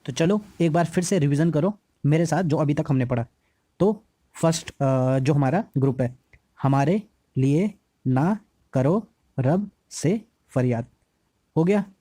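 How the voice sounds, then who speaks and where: A male teacher with a slightly hoarse throat, giving a lesson on memory tricks. He repeats each mnemonic slowly and keeps checking in with the class. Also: fairly high pitch, warm tone, dry recording. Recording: dry, slightly dull lo-fi recording.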